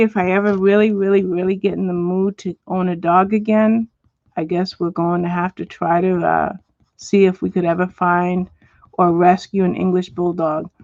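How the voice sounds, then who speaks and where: A woman hosting a home livestream as she colors. She chats with viewers and answers them by name, and now and then she drops to a soft whisper. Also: lowish voice, no echo, muffled recording. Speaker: livestream host. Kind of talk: casual chat while coloring, reading viewer comments. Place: at home, indoors.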